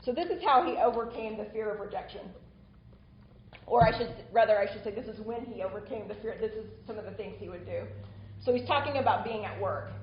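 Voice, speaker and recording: A woman's voice: medium pitch, fairly quick, roomy sound, muffled recording, slight background noise. A woman instructor giving a recorded online lecture in a conversational way, often stopping for small asides.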